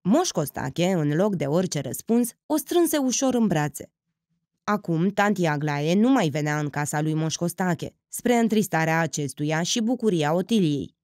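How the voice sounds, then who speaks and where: Expressive woman narrating an audiobook. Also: fairly low pitch, no echo, clean studio sound. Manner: expressive, acts out the characters. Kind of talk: scripted literary narration.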